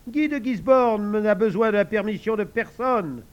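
A man's voice: high voice, normal speed, lo-fi sound, pitched above the performer's own voice, lightly acted. A man voicing an eager boy playing a rival knight, declaiming and indignant. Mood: defiant.

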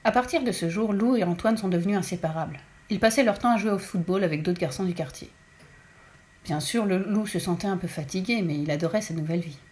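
A woman narrating a children's story in a lively, expressive reading voice. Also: fairly low pitch, quick pace.

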